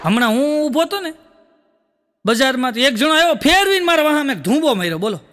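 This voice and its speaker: Kathiawadi stand-up man, very high and sharp-voiced, storyteller's patter, long hall reverb on stage. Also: very animated, fast talker, background noise. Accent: Kathiawadi Gujarati. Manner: storytelling, tags jokes with a repeated "listen" aside. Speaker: stand-up comedian. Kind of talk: stage joke-telling.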